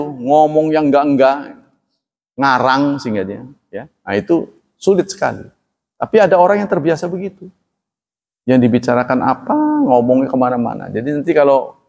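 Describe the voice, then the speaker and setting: In a hall with long reverb, a man with a slightly high voice and vocal fry gives a religious lecture to a congregation. His delivery is plain and even, he calls himself flat-spoken, and he keeps asking the listeners to agree.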